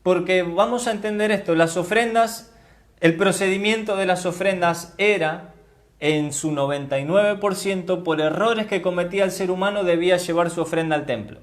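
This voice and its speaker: A man giving a teaching sermon as a Bible teacher, emphatic, repeating key words and spelling them out slowly. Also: high-pitched.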